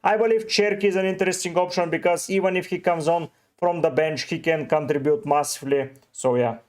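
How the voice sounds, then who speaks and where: A man's voice: fairly high pitch, fairly even intonation, a little fast. Man answering livestream chat. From Bulgaria. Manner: reads out chat names and gives short, offhand answers. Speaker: fantasy football streamer.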